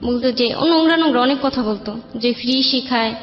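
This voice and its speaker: As an interview guest, a Bangladeshi woman tells her own life story in a colloquial, conversational way, her voice a little high and her pace brisk. The recording sounds dull and echoey, as in an echoey room, with faint music underneath.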